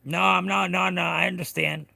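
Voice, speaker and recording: Middle-aged American male livestreamer, heavily gravelled whiskey voice with a forceful edge, rambling, blunt, off-the-cuff chat. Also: high voice, level tone, normal speed, no room sound. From United States. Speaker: livestream host. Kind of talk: casual chat with viewers.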